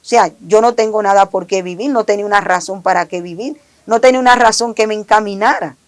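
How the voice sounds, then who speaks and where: A woman's voice: medium pitch, fast talker. A woman giving an earnest, emotional personal faith testimony, often repeating her phrases. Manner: earnest, repetitive, emotional retelling. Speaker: testimony giver.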